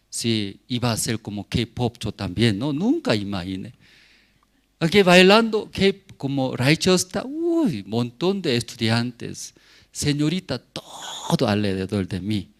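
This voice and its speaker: A man in his forties, a pastor, giving a sermon testimony in halting speech with frequent asides to the congregation. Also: medium pitch. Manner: slow, halting non-native Spanish with many asides to the congregation.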